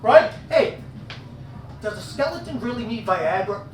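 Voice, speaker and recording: A man's voice: sits high, animated, unhurried, a little hiss or hum. A man doing live stand-up in a werewolf persona, telling crude punchline jokes, working the crowd and laughing at his own gags. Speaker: stand-up comedian. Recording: echoey room heard from a distance.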